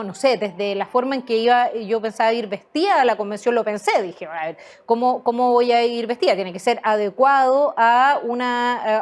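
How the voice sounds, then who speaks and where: A woman answering interview questions as a guest author, hesitating often with fillers and restarts. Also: on the high side.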